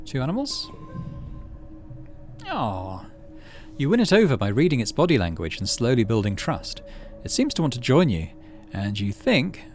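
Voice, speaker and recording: Hosting a let's play, a man with a mid-range voice reads a story game aloud expressively, muttering side comments about the moves he's making.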